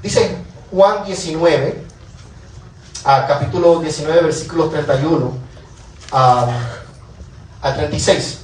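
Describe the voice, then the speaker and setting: A male preacher tells a story to his congregation in an animated way, repeating phrases for emphasis. His voice sits a little high and carries from some distance. The church hall is roomy and echoing, with faint ambient noise. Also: slow pace, pauses often. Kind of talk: sermon storytelling. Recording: echoey room, voice from afar, faint ambient noise.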